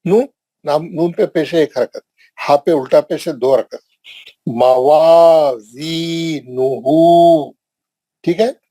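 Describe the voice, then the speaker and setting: A middle-aged man with a Hyderabadi accent teaching Quran recitation in an online lesson, slowly drawing out and repeating drill words for his students. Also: on the high side, dark tone, slightly rough, no room sound, poor audio. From India.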